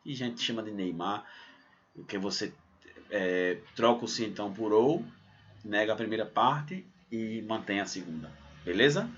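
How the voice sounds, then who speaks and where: A man from Pernambuco leads a recorded math lesson at a middle pitch, walking through each point step by step. His delivery is lively, and he peppers it with "ó" and "né?" tags. The recording sounds somewhat dull and muffled. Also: a little hiss or hum. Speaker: math teacher. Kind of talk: recorded exam-prep lesson.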